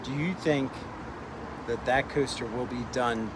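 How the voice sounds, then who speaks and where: A man with a Brooklyn accent, co-hosting a theme park live stream, excitable and repeating himself. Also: medium pitch, measured pace. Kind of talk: casual live-stream chat. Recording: faint outdoor noise.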